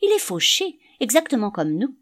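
A woman's voice: fairly high pitch, huge pitch swings, normal speed, voice pushed up. A woman reading an audiobook, voicing a mild, easygoing middle-aged male canvasser with a doubtful manner.

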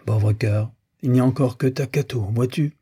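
A man's voice: medium pitch, moderate pace, mellow, husky. A man voicing a fretful, grumbling old woman servant in an audiobook reading. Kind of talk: audiobook character voice.

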